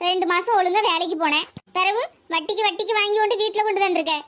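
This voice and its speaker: A woman voicing a stern, sharp-tongued middle-aged village mother in a cartoon drama. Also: extremely high pitch, fairly even intonation. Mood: scolding. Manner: scolding, rapid-fire rebukes.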